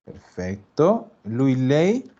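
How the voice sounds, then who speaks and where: A man's voice: medium pitch, huge pitch swings, very slow, mellow, highs cut off. A man teaching an online language class, explaining patiently and often checking that students follow. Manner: patient, repeats and checks understanding with "¿ya?". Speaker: Italian teacher.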